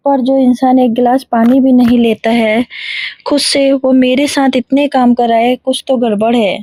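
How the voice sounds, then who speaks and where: A woman reads as a respectful young daughter-in-law in a storybook, polite and a touch hesitant. The voice is fairly high and mellow, recorded dry. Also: flat delivery, a little slow, no room sound.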